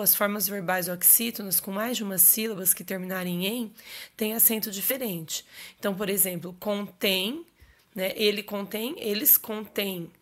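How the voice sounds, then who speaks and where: A woman teacher explaining grammar rules to her students, checking in often with short questions. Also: medium pitch. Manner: explanatory, checks in with frequent "ok?" and "certo?". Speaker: Portuguese teacher. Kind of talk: recorded online grammar lesson.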